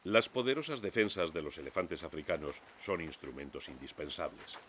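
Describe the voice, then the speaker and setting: A man narrates a scripted nature documentary in a measured, expository storytelling manner. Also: rumbling low, lively intonation, fairly bright tone, a little hiss or hum.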